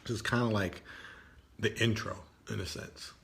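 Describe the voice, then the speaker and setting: A man with a fairly low voice talks loosely to his live audience, still carrying his morning voice. He keeps it conversational and keeps tossing in "right?". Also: steady tone, normal speed, creaky, fairly bright tone, slight background noise. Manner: conversational, often tags lines with "right?". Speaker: live stream host. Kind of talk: casual live stream talk.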